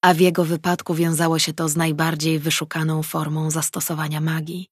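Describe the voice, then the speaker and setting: A woman reading a novel aloud as an audiobook narrator, in calm, even storytelling. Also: deep voice, brisk, breathy edge, no echo, studio quality. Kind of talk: scripted narration.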